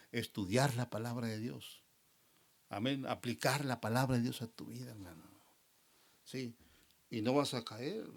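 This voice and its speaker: A man's voice: mid-range voice, creaky, husky. A man, a pastor, preaching a sermon and calling the congregation brothers again and again, his voice dropping at the end of phrases. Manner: repeats "hermanos" often, voice drops at phrase ends.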